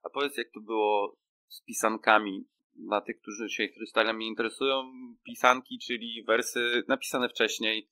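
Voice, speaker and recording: A man's voice: lowish voice, little pitch movement, normal speed, pushed and bright, low-quality recording. A man hosting a podcast, asking curious questions and giving short affirmations. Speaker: podcast host. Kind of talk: interview questions.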